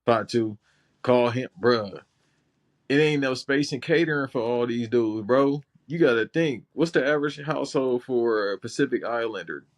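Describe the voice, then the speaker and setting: A man from Los Angeles co-hosts a casual chat show podcast, talking loose and slangy and restarting often. His voice sits at medium pitch with a normal speed.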